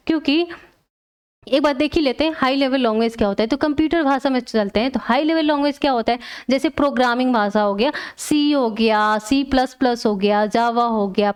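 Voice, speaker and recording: High-voiced woman teaching step by step. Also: smooth. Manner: explains step by step with repeated check-ins. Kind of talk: exam question walkthrough.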